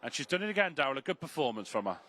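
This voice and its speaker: A man's voice: fairly high pitch, very animated, rapid-fire, bright, forceful tone. A man working as a greyhound racing pundit, giving chatty, enthusiastic live analysis and repeating phrases for emphasis.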